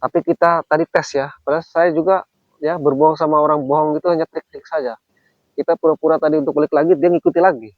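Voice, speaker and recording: A man talking fast in a fairly high voice, pressing a stranger with question after question and heaving exasperated sighs. The sound is dull and lo-fi, and the voice sits close and dry. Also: steady tone, no room sound. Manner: insistent repeated questioning. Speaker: vlogger. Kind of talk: confrontational vlog on the move. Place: outdoors on a hill trail.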